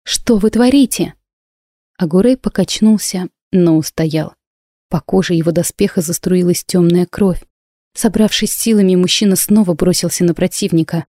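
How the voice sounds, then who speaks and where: A woman narrating a first-person fantasy audiobook in a steady, expressive storytelling manner. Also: lowish voice, moderate pace, no echo, clean studio sound.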